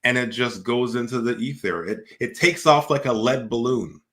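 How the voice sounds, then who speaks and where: A man's voice: mid-range voice, moderate pace, fairly bright tone. A man hosting a casual talk as an entrepreneur, speaking reflectively and often filling with "like". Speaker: host and entrepreneur.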